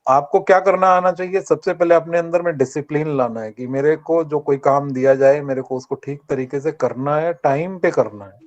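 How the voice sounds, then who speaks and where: A slightly high-pitched older man from Rajasthan talks at a moderate pace, barely pausing. As a guest at a college workshop held on a video call, he gives an earnest motivational speech and asks students to respond, and the audio is dull and lo-fi.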